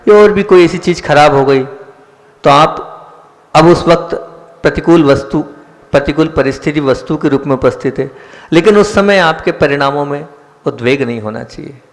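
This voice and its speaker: A man's voice: on the high side, moderate pace. A man, a Jain monk, giving an earnest sermon, repeating key lines and asking his listeners rhetorical questions. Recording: long hall reverb.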